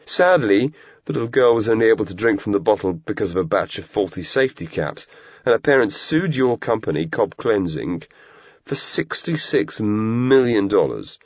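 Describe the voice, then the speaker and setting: A man's voice: fairly low pitch, big pitch swings, normal speed, breathy edge, dry recording, lo-fi sound, pitched above the performer's own voice, full character voice. A man voicing a pompous, sarcastic young male activist hosting a webcast, talking in a theatrical way. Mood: mocking.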